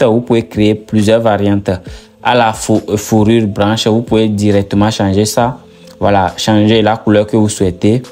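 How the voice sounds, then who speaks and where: Male tutorial host, lowish voice, halting delivery full of fillers, faint music underneath. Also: darkish tone. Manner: hesitant, many "donc, euh" and "voilà" fillers. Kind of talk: screen-recorded software tutorial.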